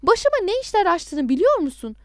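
A woman reading the part of an angry adult man who shouts into a phone, in an audiobook. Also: high voice, sing-song, fast, no echo, clean studio sound. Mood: furious. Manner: shouting, indignant.

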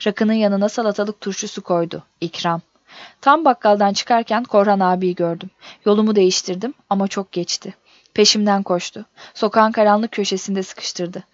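A woman reading a first-person story aloud in a steady, measured audiobook narration. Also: medium pitch, no room sound. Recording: dull dry recording.

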